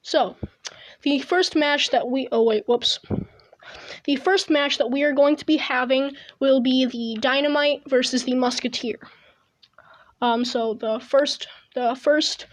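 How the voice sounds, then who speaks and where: A woman giving casual, rambling gameplay commentary at home, chewing gum, recorded through an earbud mic with many stops and restarts. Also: sits high. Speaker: gaming video host. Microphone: earbud headset mic.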